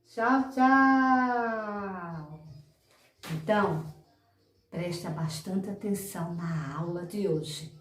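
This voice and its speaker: In a recorded lesson, this Brazilian primary teacher speaks to children in a lowish, slightly mellow voice with fairly even intonation. She elongates words with emphasis and keeps checking in with frequent "tá?", while the far-off mic picks up a lot of room echo.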